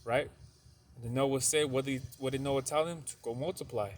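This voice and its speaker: A man's voice: mid-range voice, fairly even intonation, moderate pace, a little hiss or hum. A man giving a casual religious teaching to his video audience. He rambles, fills gaps with "you know", and repeats points for stress. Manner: rambling, heavy use of "you know" and a tag "though".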